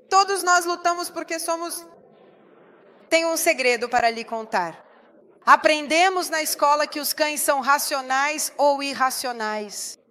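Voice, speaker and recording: A woman's voice: high voice, fairly bright tone, a little hiss or hum. A woman pastor preaching a sermon, emphatic and putting rhetorical questions to the congregation.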